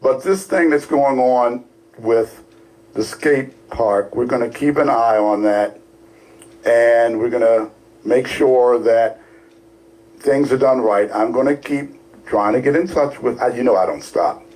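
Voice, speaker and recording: A man's voice: medium pitch, measured pace, darkish tone, rough recording. A man with a Baltimore accent co-hosting a casual radio talk show in a studio, rambling with lots of fillers and restarts.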